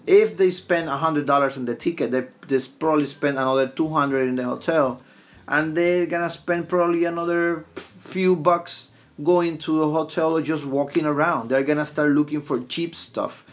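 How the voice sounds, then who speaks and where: A man's voice: on the high side, steady tone, normal speed. Blunt Puerto Rican man rambling on a podcast. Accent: Puerto Rican Spanish. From Puerto Rico. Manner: rambling, frequent restarts, blunt asides. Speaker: podcast host. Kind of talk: casual podcast monologue.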